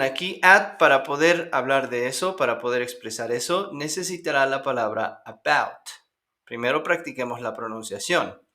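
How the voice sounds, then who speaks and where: A man teaching an online English lesson, modeling example sentences slowly and deliberately for learners to repeat. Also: mid-range voice, sharp tone.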